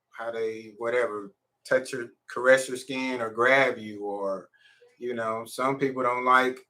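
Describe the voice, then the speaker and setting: A man co-hosting a casual chat, reflective and soft-spoken, often trailing off. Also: medium pitch, rough recording.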